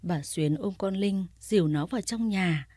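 A woman reading a story aloud in a steady, even narrating voice. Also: mid-range voice, measured pace, no room sound, clean studio sound.

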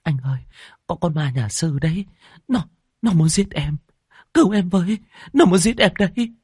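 A man's voice: very high voice, animated, fairly quick, breathy edge, dry recording, clean studio sound, pitched above the performer's own voice, exaggerated voice. A man voicing a terrified young woman in a hospital, screaming and pleading in fear. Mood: frightened pleading. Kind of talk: audiobook narration.

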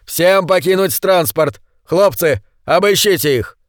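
A man's voice: high-pitched, unhurried, no echo, clean studio sound, voice pushed up. A man reading an audiobook, voicing a hostile armed gang man who barks threats and orders. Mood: menacing.

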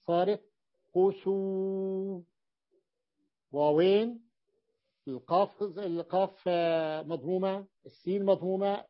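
A man teaching a grammar lesson in a classroom, repeating words slowly and checking that his students follow. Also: high voice. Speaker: teacher of Arabic morphology. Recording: dull lo-fi recording.

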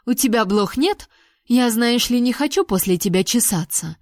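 A woman reading an audiobook, voicing a sharp-tongued young woman held captive who scolds her captor sarcastically. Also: fairly high pitch, expressive, normal speed, no room sound, studio quality, voice pushed up, close to an everyday voice. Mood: scolding.

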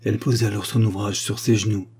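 A man reading a short story aloud in a steady, even storytelling manner. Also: lowish voice, fast talker, a little hiss or hum. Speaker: audiobook narrator.

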